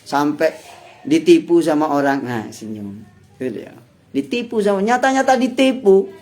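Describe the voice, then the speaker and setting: A Javanese-accented man, an Islamic preacher, giving a conversational study-circle sermon with loud bursts and soft asides. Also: fairly high pitch, expressive, normal speed. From Indonesia.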